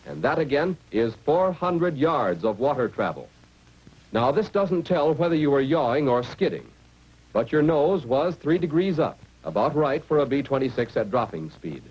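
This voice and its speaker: An American man narrates a scripted 1940s military training film, instructing the listener directly in the second person. His medium-pitched voice is husky and sing-song at a normal pace. The old soundtrack is dull and faintly noisy.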